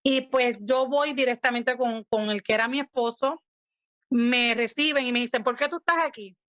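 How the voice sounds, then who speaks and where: A Puerto Rican woman giving a personal testimony, telling her story with animated energy and acting out quoted lines. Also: a little high, normal speed, dry recording. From Puerto Rico. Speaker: guest sharing her testimony. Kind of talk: personal testimony in casual talk.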